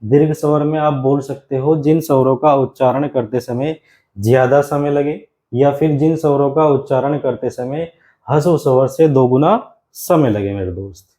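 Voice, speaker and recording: A male grammar teacher giving an exam-prep lesson. He repeats key phrases slowly for students to write down and keeps calling the class "my friend". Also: mid-range voice, mellow, rough recording.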